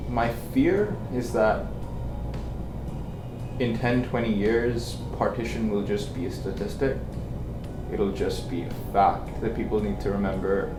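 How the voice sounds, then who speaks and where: A man from Pakistan, a policy researcher giving measured, deliberate interview answers in an echoey room. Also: on the low side. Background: music.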